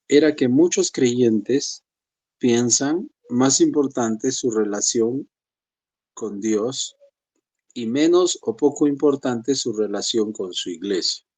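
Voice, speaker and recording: Mellow-voiced Spanish-speaking pastor teaching. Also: male voice. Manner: conversational, addresses listeners as brothers; acts out believers' excuses in a higher voice. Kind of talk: church teaching session.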